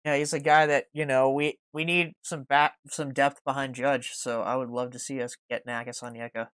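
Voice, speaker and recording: Smooth-voiced man hosting. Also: mid-range voice, level tone, normal speed, fairly bright tone, dry recording. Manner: reads news items then riffs on them. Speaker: podcast host. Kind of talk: casual sports podcast chat.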